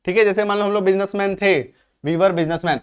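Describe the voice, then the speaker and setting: A man from India teaching English grammar, explaining step by step, slowing down for example sentences and often checking that students follow. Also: high-pitched, fairly even intonation, clear, resonant tone. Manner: slows right down when reading out English examples. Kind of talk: grammar lesson.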